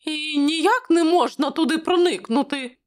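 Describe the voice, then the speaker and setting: Woman doing a shrill whining little reporter. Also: measured pace. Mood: wheedling. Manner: shrill, squealing. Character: small plump pushy male reporter, whining.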